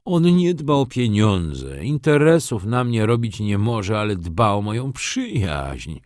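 A man's voice: on the low side, sing-song, slow pace, a little mellow, no echo, clean studio sound, pitched above the performer's own voice. A man voicing an agitated, tearful elderly nobleman father in an audiobook reading. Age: older. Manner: emotional, exclaiming, breaking into tears.

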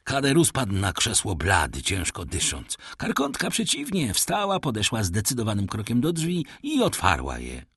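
A man giving expressive, theatrical narration of a classic novel as an audiobook reader. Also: on the low side, normal speed, hardly any pauses, breathy edge, dry recording. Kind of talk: dramatic literary narration.

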